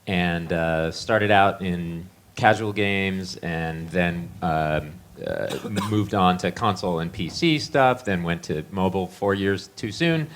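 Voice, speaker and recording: A man speaking casually in front of an audience, introducing himself haltingly with many pauses. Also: low-pitched, fairly bright tone. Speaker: games industry executive, panelist. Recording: live event with audience noise.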